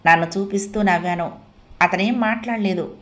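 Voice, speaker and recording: A woman narrating a family story as an audiobook, in a soft, reflective first-person telling. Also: mid-range voice, normal speed.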